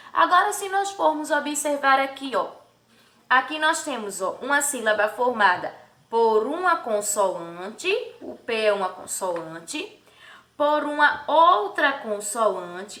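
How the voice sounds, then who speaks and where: A woman teaching young children a lesson, drawing words out slowly and asking the class sing-song questions. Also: high voice, sharp tone. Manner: slow, drawn-out syllables for children. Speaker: primary school teacher. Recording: echoey room, distant from mic.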